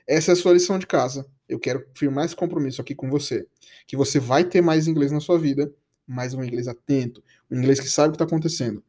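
A man's voice: mid-range voice, fast, mellow. A man from Brazil teaching English in a casual, chatty podcast lesson, coaxing listeners with slangy asides.

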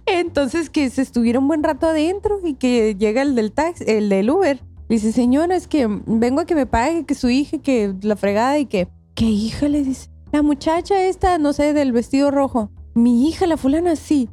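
A woman with a Mexican Spanish accent telling a spooky anecdote in lively, casual podcast chat. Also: high voice, moderate pace, hardly any pauses, soft background music. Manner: lively, laughs while telling. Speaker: podcast co-host.

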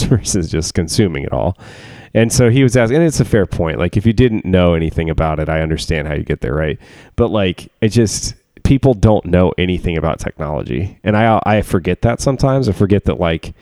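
A man with a very low, deep voice talks through a casual tech podcast. He rambles, leans on fillers and laughs often. The sound is close and dry. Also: darkish tone, no echo. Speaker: podcast co-host, tech worker. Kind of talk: casual chat.

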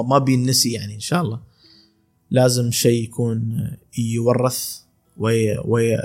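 A slightly rough, mid-range male voice belongs to a calligrapher in his twenties from Khor Fakkan, UAE. Speaking with an Emirati Arabic accent, he tells stories during a casual podcast chat. He laughs frequently and often begins his sentences again.

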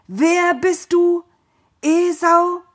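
A woman voicing an old blind father who speaks slowly and solemnly, with a husky voice. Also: mid-range voice, steady tone, a little mellow, pitched above the performer's own voice, natural voice. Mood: distraught. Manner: solemn, slow blessing voice.

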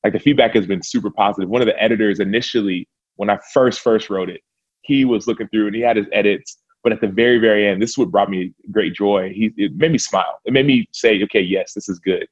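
An earnest man co-hosts a podcast, rambling and restarting as he chats. His voice sits on the low side and the audio sounds dull and lo-fi. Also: fast, breathy edge. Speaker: podcast co-host. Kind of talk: casual chat.

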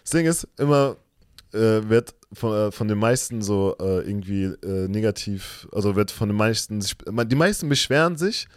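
Young male podcast co-host, low voice, slangy and rambling, dry close sound. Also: normal speed, no room sound. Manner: relaxed, rambling, slangy German with English words mixed in. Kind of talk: casual chat.

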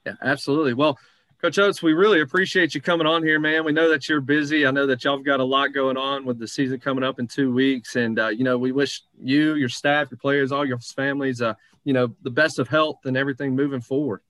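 A man hosts a sports show in a medium-pitched voice with very little room sound. His talk is casual and conversational, wandering loosely from thought to thought. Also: steady tone, fairly quick, fairly bright tone, no echo. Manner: rambling, conversational.

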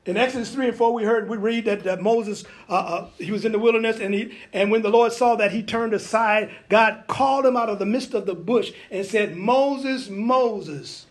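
Man, high-pitched voice, preacher, sermon, folksy asides, amens and hallelujahs, acts out scripture dialogue. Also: steady tone, brisk, hardly any pauses.

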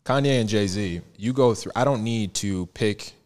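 A man with a very deep voice co-hosts a relaxed chat. He banters and jokes, readily agreeing with the others. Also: measured pace. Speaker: podcast co-host. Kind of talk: casual chat.

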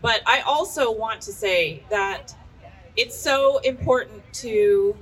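A woman speaks slowly and a little hesitantly, pausing and restarting her phrases. Her voice sounds set back from the microphone at an outdoor event, with faint noise around it. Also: a little high, fairly bright tone, recorded from a distance, poor audio. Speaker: attorney and judicial candidate. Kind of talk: short speech at a community event.

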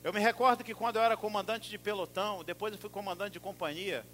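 A middle-aged man preaching with a high, bright, forceful voice. He swings from loud, punchy exclamations to quiet asides. Soft music plays faintly behind him. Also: steady tone, quick pace. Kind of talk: sermon.

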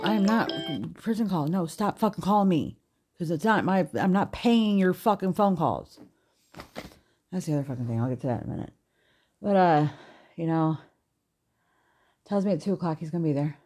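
A woman's voice: deep voice, dark tone. A woman with children ranting in a casual podcast monologue, blunt and heavy on profanity. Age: adult with children. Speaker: podcast host.

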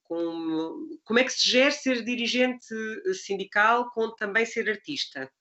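A man's voice: high-pitched, lively intonation, measured pace, sharp tone, muffled recording. A man with a European Portuguese accent asking questions as the interviewer in a casual, conversational style.

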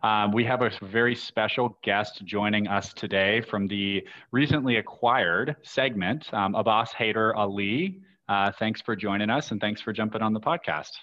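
A man with a fairly low voice hosts a podcast. He asks easygoing, rambling questions. The sound is a bit dull. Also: moderate pace, hardly any pauses, fairly bright tone. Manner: friendly, loose, filler-heavy questions. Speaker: podcast host. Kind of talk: casual interview hosting.

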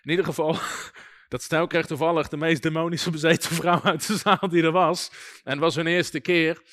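A man preaching in a casual, storytelling way, with a bright, forceful tone and a somewhat high voice. He keeps things lively and funny, full of little asides as he teaches his listeners. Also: normal speed. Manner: lively and humorous, often chuckling and using fillers like "weet je". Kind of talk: informal sermon with anecdotes.

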